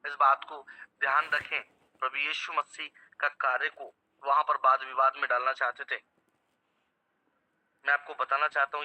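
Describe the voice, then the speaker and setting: A man's voice: mid-range voice, pushed and bright, rough recording. A man preaching a sermon to an online house church over a video call, emphatic, repeating phrases and quizzing his listeners.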